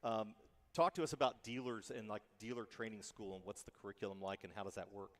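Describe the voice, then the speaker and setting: A man hosting a football pregame show, interviewing a guest in a brisk, joking manner. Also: fairly low pitch, fairly even intonation. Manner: brisk, joking, reads questions.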